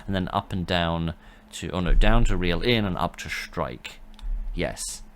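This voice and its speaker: A man's voice: sits low, measured pace, a bit bright, slight background noise. A British man giving a casual, rambling let's play commentary in a wry manner, often interrupting himself. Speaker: gamer commentating.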